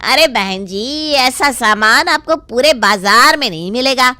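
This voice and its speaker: A woman's voice: fairly high pitch, lively intonation, a little slow, bright, forceful tone, no room sound, voice pushed up. A woman voicing a pushy male shopkeeper haggling in a cartoon story. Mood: wheedling. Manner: wheedling sales talk. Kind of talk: cartoon voice acting.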